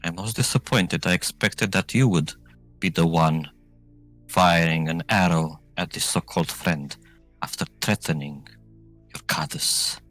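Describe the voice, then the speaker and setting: A man voicing a stern, commanding goddess of the underworld in a solemn, deliberate tabletop game performance. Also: low-pitched, a bit bright, soft background music, poor audio. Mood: cold, disappointed.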